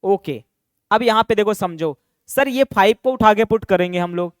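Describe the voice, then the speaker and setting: A young man teaching an online maths exam-prep lesson, chatty and quick, calling students "beta" and "bhaiya" and answering his own questions. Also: sits high, smooth, no echo, clean studio sound.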